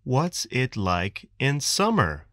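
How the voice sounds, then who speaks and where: American guy reading english lesson questions, slow and clear, lively pitch. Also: dry recording, studio quality. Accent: General American. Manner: clear, deliberate enunciation for learners. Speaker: textbook dialogue reader. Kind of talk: slow scripted textbook reading.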